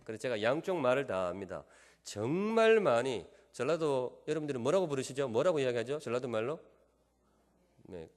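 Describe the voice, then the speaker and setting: A man's voice: mid-range voice, lively intonation, quick pace, a little mellow. A middle-aged man from Gyeongsang Province, a pastor with a Gyeongsang accent, preaching a sermon and teasing the congregation with questions and jokes. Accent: Gyeongsang Korean. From Gyeongsan, Gyeongsang Province, South Korea. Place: large church sanctuary. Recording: long church hall reverb.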